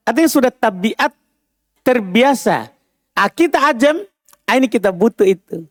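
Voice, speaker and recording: A man's voice: very high voice, expressive, normal speed, no echo, clean studio sound. A man teaching an Arabic lesson, explaining patiently and often checking whether students understand. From Indonesia. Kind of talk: classroom lesson.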